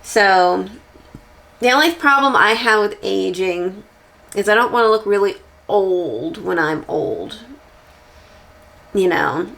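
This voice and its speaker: A woman in her forties talking to the camera in a relaxed, reflective way. Her voice carries a gravelly, fry-laced edge, and she muses candidly, often restarting small phrases as she thinks aloud. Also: mid-range voice, slow, long pauses. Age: 40s. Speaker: vlogger. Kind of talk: casual reflective chat to camera.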